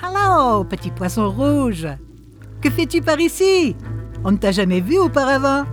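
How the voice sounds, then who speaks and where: Sly greedy sea wolf fish, woman puts him on, mocks and sniggers, high and lively, kids audio story. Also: a little slow, faint music behind. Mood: teasing. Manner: mocking, gloating, with sniggers.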